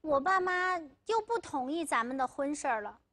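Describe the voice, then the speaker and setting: A worried young village woman who holds firm against her boyfriend, played by a woman lecturer. The voice is high and shifts pitch a lot. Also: expressive, normal speed, a bit bright. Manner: anxious, then firmly refusing.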